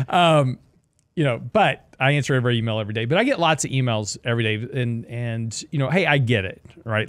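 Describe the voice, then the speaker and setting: Recorded without echo, this medium-pitched man in his sixties hosts a laid-back financial advice talk as an investment strategist, cracking jokes, chatting, and going over the same points repeatedly.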